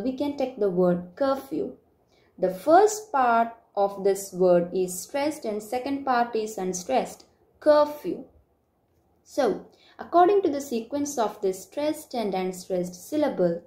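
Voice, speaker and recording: A young woman teaching a lesson, explaining terms in a steady, methodical way with examples. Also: on the high side.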